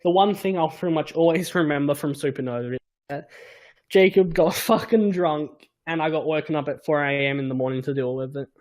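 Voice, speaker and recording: A young man with a slightly high voice chats casually on a podcast. He tells a funny story with swearing and bursts of laughter. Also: fairly quick, darkish tone. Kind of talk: casual chat.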